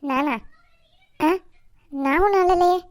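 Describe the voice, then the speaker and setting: A woman's voice: high voice, slow pace. A woman voicing a meek young wife in a cartoon, hesitant and pleading. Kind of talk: cartoon voice acting.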